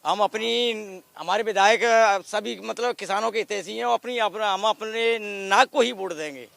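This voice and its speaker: A man's voice: high-pitched, moderate pace, creaky, a bit bright, dry recording. A man from the village answering a reporter's questions earnestly, often restarting his sentences. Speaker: villager interviewee. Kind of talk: street interview. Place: outdoors in a village.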